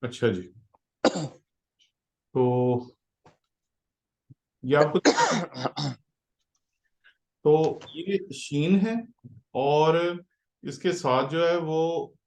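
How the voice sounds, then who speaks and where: A man's voice: on the high side, animated, drawn-out words, pauses often, darkish tone, reverberant. A man teaching a Hebrew reading class as a pastor, explaining patiently step by step and checking often that students follow. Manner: patient, explaining step by step with frequent "theek hai". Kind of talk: online class lesson.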